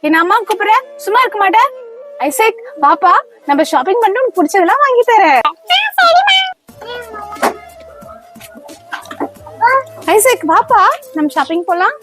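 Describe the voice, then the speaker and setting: A woman's voice: very high-pitched, lively intonation, brisk, music in the background. A woman playing a strict stepmother who gives orders and scolds in a comedy skit. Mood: stern. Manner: bossy, scolding commands.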